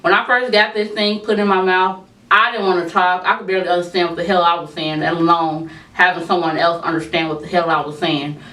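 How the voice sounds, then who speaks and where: A woman's voice: fairly low pitch, fairly even intonation, brisk, sharp tone. A woman vlogger with a lisp from braces, talking casually to her viewers. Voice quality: lisp from braces and tongue crib. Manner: chatty, informal, addresses viewers as y'all. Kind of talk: casual life update vlog. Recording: roomy echo, speaking from a distance to the mic.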